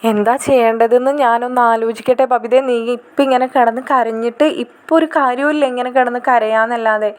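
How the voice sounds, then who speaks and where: A woman voicing an indignant older sister who scolds her younger sibling in a sharp, reproachful manner. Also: fairly high pitch, steady tone, fairly quick, clear, resonant tone, lightly acted. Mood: earnest.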